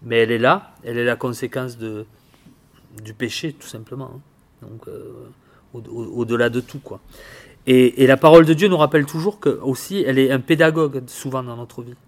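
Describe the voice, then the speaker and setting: A man giving informal Bible teaching, halting and repeating words, often asking his listeners questions. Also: mid-range voice, fairly even intonation. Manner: halting, repeats words, tags phrases with "hein"; addresses listeners directly with questions. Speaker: preacher.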